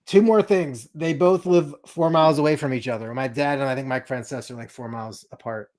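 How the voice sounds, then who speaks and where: A playful man hosts a loose family chat at home, firing off quick asides. His voice sits at an ordinary middle pitch. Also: fairly even intonation, darkish tone. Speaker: podcast host.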